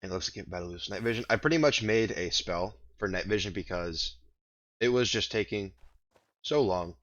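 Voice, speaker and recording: Sounding groggy like he just woke up, this man talks through his gameplay at a normal speed in a lowish, fairly bright voice, rambling and musing aloud. The sound is lo-fi.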